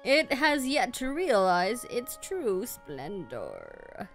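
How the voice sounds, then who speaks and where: A woman voicing a solemn, wise old male tree spirit from a video game, reading slowly and with measured weight. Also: medium pitch, wildly swooping pitch, soft background music, heavily acted. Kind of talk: reading game dialogue aloud.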